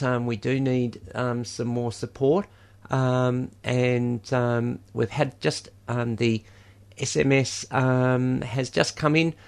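Gravelly radio presenter, rambling. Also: male voice, medium pitch. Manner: rambling, many ums, jokey asides. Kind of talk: community radio fundraising chat. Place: radio studio. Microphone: studio microphone.

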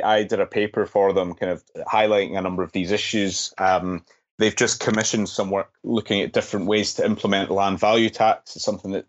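A man with a thick Scottish accent explaining things as an interview guest, earnest and repeating words as he goes. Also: low-pitched. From Scotland. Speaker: interview guest, economics researcher. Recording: dull, muffled lo-fi audio.

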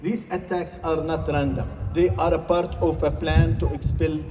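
A man from Gaza, giving an impassioned protest speech at an outdoor rally, sometimes rising to shouts. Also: fairly high pitch, steady tone, moderate pace. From Gaza, Palestine. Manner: forceful, rising to shouts at times. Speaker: rally speaker. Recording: distant reverberant rally recording with faint noise.

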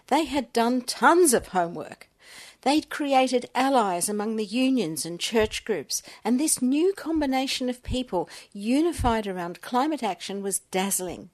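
A woman reporter narrates in a measured, reflective way. Her voice sits a little high. The delivery is clean, scripted narration. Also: a little mellow.

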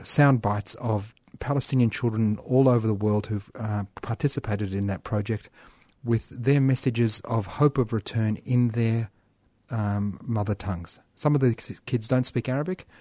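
A man's voice: lowish voice, darkish tone, no room sound. A male radio show host talking earnestly in an interview, with some restarts.

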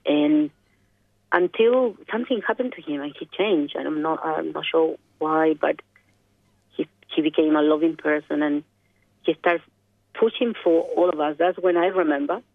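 A woman's voice: deep voice, moderate pace, no room sound. A woman from Chile with a Chilean Spanish accent, a guest in an interview, speaking reflectively and searching for her words. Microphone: telephone. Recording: dry, tinny phone line.

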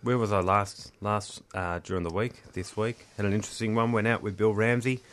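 Aussie tradesman type, male, lower-pitched, matey union rep in relaxed conversational chat. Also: a little fast. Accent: Australian. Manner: blokey Aussie tradesman talk, matey and colloquial. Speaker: union representative, podcast host. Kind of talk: casual chat.

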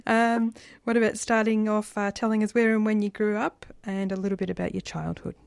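A woman's voice: medium pitch, level tone, a little fast, gravelly, darkish tone, no room sound. A woman hosting a community radio show, reading a scripted welcome and then chatting easily with her guest. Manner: friendly, scripted intro then easy chat. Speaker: radio host.

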